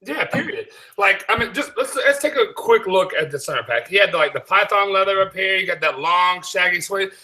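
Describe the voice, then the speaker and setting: A man with a Southern accent co-hosting a casual sneaker talk stream, joking loudly, swearing freely. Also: high-pitched, animated, a little fast, few pauses, low-quality recording. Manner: loud, joking, profane. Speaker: co-host of a sneaker show. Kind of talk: casual banter on a live stream.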